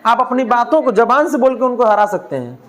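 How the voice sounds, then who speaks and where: A man's voice: very high-pitched, very animated, fairly quick, a crowd in the background. A man teaches a class for a teaching exam. He keeps asking the room questions and answering them himself. He cracks jokes along the way. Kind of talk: classroom lecture.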